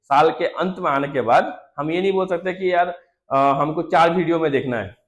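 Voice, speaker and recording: A man teaching a fast revision lesson, constantly quizzing his students and calling them "beta" and "yaar". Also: fairly high pitch, dull audio.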